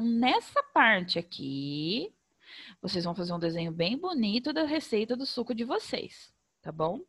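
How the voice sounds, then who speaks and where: Brazilian woman primary teacher, lively sing-song delivery, slightly high voice, slow careful wording for kids. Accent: Brazilian Portuguese. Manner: sing-song, slow and over-articulated for children. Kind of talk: remote lesson for young children.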